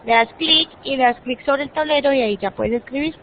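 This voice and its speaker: A woman teaching an English class online, explaining patiently and repeating words slowly. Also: sits high, a little hiss or hum. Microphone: video call. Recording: muffled online call audio.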